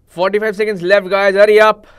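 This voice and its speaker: A man's voice: high voice, level tone, extremely slow, clean tone. A man with an Indian accent teaching a live online vocabulary lesson as an exam coaching teacher, repeating each answer and urging viewers to type along.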